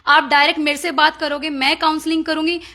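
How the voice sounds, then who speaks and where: Assertive high-voiced young Haryanvi woman. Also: flat delivery, quick pace, pushed and bright. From Haryana, India. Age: young adult. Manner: assertive, confident sales pitch. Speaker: visa consultant. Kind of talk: interview.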